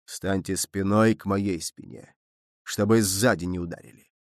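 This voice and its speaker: A man voicing a calm, stern older village man who speaks low and steady, in an audiobook reading. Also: moderate pace, no room sound, studio quality. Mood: calm, hushed. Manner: low, hushed, composed.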